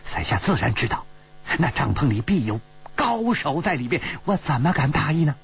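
A man's voice: fairly high pitch, sing-song, moderate pace, creaky, slightly rough, dull audio, exaggerated voice. A man voicing an earnest male swordsman who eagerly recounts what he saw, in a storytelling audiobook. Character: earnest male thief-hero reporting his scouting.

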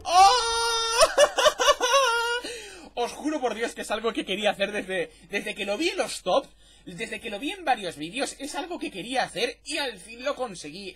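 Lively husky Spanish-accented man. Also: high voice. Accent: Spain Spanish. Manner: excitable, chatty, swears freely. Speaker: gameplay commentator. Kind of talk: replay commentary over gameplay.

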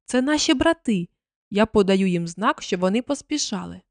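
A woman's voice: medium pitch, lively intonation, normal speed, dry recording, clean studio sound, close to an everyday voice. A watchful young sister, read by a woman. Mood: excited. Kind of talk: storybook reading.

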